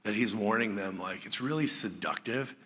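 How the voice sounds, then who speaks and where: A middle-aged man preaching a conversational, animated sermon as pastor. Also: on the low side, moderate pace, big-room sound, slight background noise. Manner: animated, conversational, acts out quoted lines.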